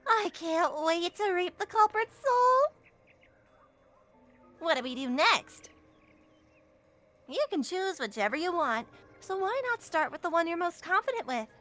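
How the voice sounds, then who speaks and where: A woman's voice: very high voice, very animated, a little slow, long pauses, a bit bright, faint music behind, pitched above the performer's own voice, full character voice. A woman voicing a cheeky, bossy female death spirit with playful, showy teasing, in a game fan dub. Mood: eager.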